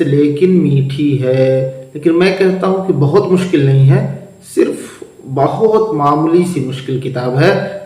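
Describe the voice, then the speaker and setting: A man's voice: on the high side, a little mellow, reverberant, poor audio. A man teaches a lesson patiently, reading from a textbook and explaining it line by line, asking questions and then answering them himself.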